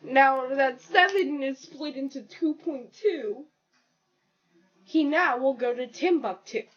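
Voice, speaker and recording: A woman talks through her drawing in a slow, unhurried way, making up a silly story as she goes and breaking into giggles. Her voice sits a little high and comes through a muffled, lo-fi recording. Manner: rambling, giggly, improvising a silly story aloud. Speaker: drawing video creator. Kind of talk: casual narration while drawing.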